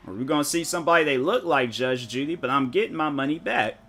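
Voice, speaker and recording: Slangy, animated male gaming streamer. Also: fairly high pitch, fast talker, slightly rough. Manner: rambling storytelling, slangy, animated, mock-quotes people. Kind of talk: casual chat while streaming a game.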